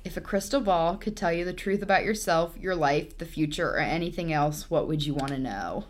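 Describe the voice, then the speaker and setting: A woman's voice: sits low, brisk. Bubbly young woman hosting a podcast. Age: young adult. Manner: bubbly, chatty, jokey. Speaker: podcast host. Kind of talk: casual chat. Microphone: laptop-less lower-quality setup.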